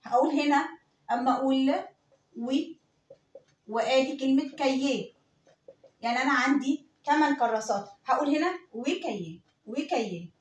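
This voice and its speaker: A high-pitched Egyptian woman teaches beginners in a patient, drilling way, saying each word slowly and then saying it again. Her voice sits a little away from the mic in an echoey room. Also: distant mic. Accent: Egyptian Arabic. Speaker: French teacher. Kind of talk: classroom lesson explaining and repeating words.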